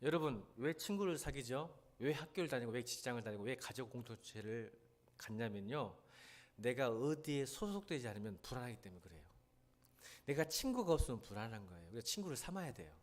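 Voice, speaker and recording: A middle-aged male pastor with a Jeolla Korean accent preaching a sermon. He swings from hushed pleading to loud, emphatic questions. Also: mid-range voice, animated, brisk.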